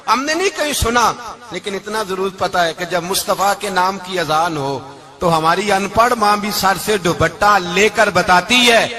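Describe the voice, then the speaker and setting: A high-voiced man delivers a religious sermon with passion, easing into soft storytelling and then rising to shouts. He slips into slow, chanted verses now and then. A live crowd is clearly heard around him. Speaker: preacher. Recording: live event with audible crowd. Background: audience crowd.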